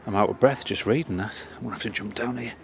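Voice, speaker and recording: Gravelly middle-aged man vlogging outdoors. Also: lowish voice, fast. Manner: enthusiastic, reads inscriptions aloud. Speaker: history vlogger. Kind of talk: casual walking vlog. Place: outdoor churchyard. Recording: noisy outdoor recording with birds.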